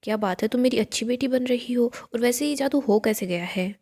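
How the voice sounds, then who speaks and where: A woman's voice: on the high side, fairly quick, dark tone, close to an everyday voice. Woman narrator reading a caring, strict mother. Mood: teasing.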